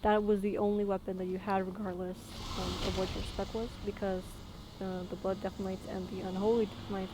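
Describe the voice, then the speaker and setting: A woman's voice: mid-range voice, background noise. A woman gaming host giving casual walkthrough commentary and reading quest text aloud. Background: game music.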